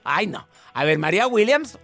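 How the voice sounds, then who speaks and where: A man hosting a call-in radio show, teasing callers with quick, joking interjections. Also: sits high, very animated, gravelly, bright, forceful tone, faint music behind.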